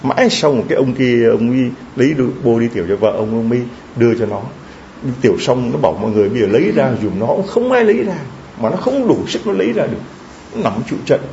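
A male preacher tells a story as a moral lesson, with a gravelly edge to his voice. His pitch leaps high and drops low as he gets caught up in the telling, often stammering over the same word. The recording is dull and lo-fi, with a faint hiss underneath. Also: animated, quick pace, dark tone. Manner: emotional retelling with stammered repeats.

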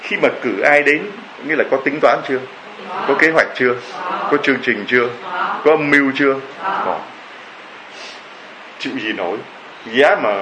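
A man's voice: mid-range voice, a bit bright, slight background noise, rough recording. A man preaching a homily, telling a story and firing off rhetorical questions to the congregation.

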